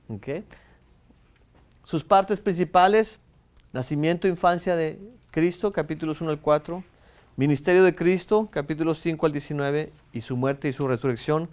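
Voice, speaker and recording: A man teaching a lesson on the Bible, explaining step by step, asking his listeners quick questions and often repeating words as he talks. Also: on the high side, darkish tone. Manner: asks the audience rhetorical questions.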